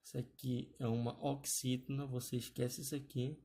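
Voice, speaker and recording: A man's voice: mid-range voice, level tone, moderate pace, warm tone, slightly rough. A man teaching an exam-prep grammar lesson over slides, often checking in with his students. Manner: explanatory, adds frequent "tá, pessoal?" checks.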